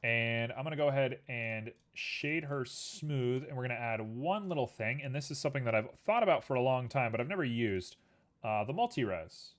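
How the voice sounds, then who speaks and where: This young man's animated, mid-pitched voice moves at a normal speed as he rambles through a live stream. While working on a 3D model, he keeps up casual chatter for his audience and even speaks to items on the screen.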